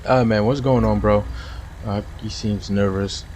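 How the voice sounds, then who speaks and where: Faint music plays behind a Trinidadian gaming streamer whose fairly low, darkish voice moves a little slowly with fairly even intonation. In his Trinidadian accent, he casually commentates a police game and chats with viewers, laughing often.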